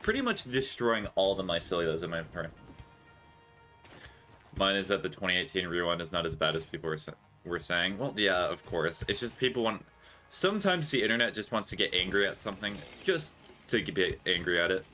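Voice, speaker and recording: A man's voice: low voice, expressive, brisk, pushed and bright, soft background music. A young man chatting casually and musing aloud while he streams a game, given to mock-dramatic remarks. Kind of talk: casual gameplay chat.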